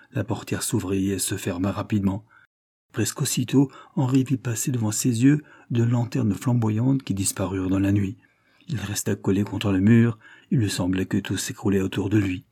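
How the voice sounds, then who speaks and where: Low, husky male audiobook narrator. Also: no room sound, studio quality. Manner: measured, expressive reading.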